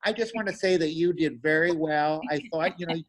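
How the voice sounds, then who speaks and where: Husky-voiced comedian man. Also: on the high side, brisk. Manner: animated, acts out crowd members and swears. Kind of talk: casual chat.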